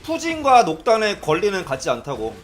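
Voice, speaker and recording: A young man from South Korea casually telling stories, animated and often mimicking people he quotes. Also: high voice, brisk, over music. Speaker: streamer recalling arcade days. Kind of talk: casual storytelling chat.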